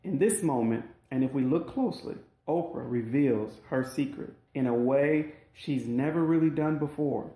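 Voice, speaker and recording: A man's voice: medium pitch, moderate pace, hardly any pauses, dark tone. A man narrating his own audiobook in an emphatic, dramatic storytelling manner. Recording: roomy echoey recording.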